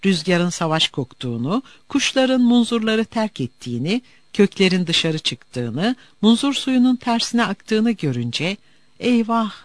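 A man narrating a storybook tale in an expressive way. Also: sits high, measured pace, hardly any pauses, no echo. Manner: expressive, animated.

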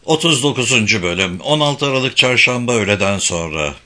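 A man narrating a novel as an audiobook with expressive, animated reading. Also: mid-range voice, fairly quick. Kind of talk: scripted narration.

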